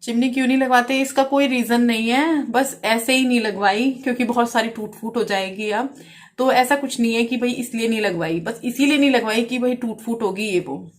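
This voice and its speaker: A woman in her thirties, a vlogger from India, answering viewer questions in a frank, casual way. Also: on the high side. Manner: frank, talks quickly at times. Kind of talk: casual Q&A chat.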